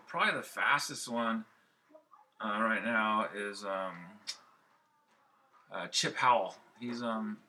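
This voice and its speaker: Excitable man in his fifties, bright-voiced. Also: fairly low pitch. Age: 50s. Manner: rambling, excitable, loud when enthused. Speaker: podcast co-host and race organizer. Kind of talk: casual podcast chat.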